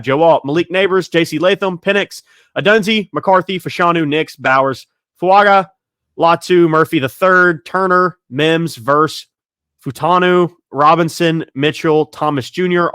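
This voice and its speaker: A man hosting a casual sports podcast, joking and excitable, rattling off long lists. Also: fairly high pitch, no echo, clean studio sound. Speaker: podcast host.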